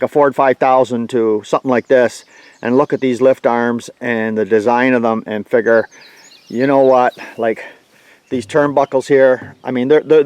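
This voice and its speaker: A man's voice: mid-range voice, darkish tone, clear, resonant tone, no echo. A man giving a blunt, folksy, plainspoken walkaround review of his tractor outdoors. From Canada.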